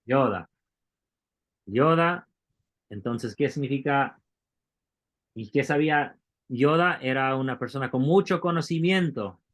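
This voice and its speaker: A man's voice: mid-range voice, a little slow, long pauses, fairly bright tone. A man teaching a Bible Greek class, explaining step by step and asking the students questions. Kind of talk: classroom lecture.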